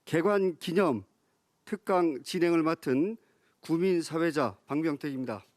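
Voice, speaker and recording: A man's voice: on the high side, lively intonation, moderate pace, over music. A man in his fifties formally introducing a lecture as the event host. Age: 50s. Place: lecture venue with seated audience.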